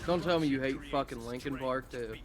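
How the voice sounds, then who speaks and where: A man's voice: mid-range voice, a little fast, soft background music. A man co-hosting a gaming stream, making dry, teasing jokes in casual chat. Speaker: co-host.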